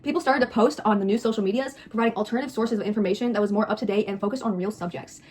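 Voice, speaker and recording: A woman's voice: medium pitch, very fast, darkish tone, slightly rough. A young woman co-hosting a video, moving between scripted explaining and playful, theatrical teasing. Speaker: co-host of a mukbang video.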